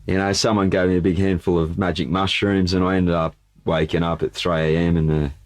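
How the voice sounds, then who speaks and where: A man with a distinctly low voice and an Australian accent tells loose, casual stories. He is laid-back and swears freely, with plenty of slang, like a musician among mates. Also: flat delivery, a little fast, no room sound, clean studio sound. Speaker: band musician. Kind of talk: casual anecdote telling.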